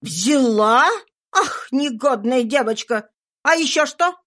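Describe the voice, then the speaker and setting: A woman voicing a stern, exasperated spinster aunt who scolds with sharp questions. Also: high voice, slow pace, voice pushed up. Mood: scolding.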